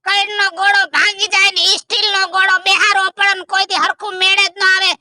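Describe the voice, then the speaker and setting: A man's voice: very high voice, completely flat delivery, quick pace, sharp tone, dry recording, clean studio sound, full character voice. A man playing a grumpy old village man whose wife has left, complaining and cursing in a theatrical way. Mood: grumbling. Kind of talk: rustic comedy sketch acting.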